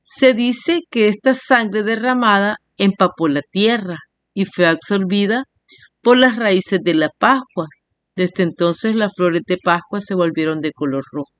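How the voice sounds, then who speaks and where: A woman teacher giving a recorded language lesson, reading definitions and slowly sounding out example words syllable by syllable. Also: mid-range voice, no room sound. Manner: slow, spells words out syllable by syllable. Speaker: primary school teacher.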